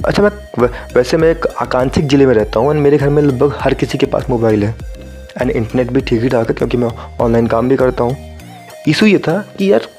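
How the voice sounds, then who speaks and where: A man's voice: mid-range voice, fairly even intonation, quick pace, a little mellow, soft background music. A young man from India hosting a solo podcast, talking casually and directly to his listeners and slipping English phrases into his sentences. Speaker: podcast host.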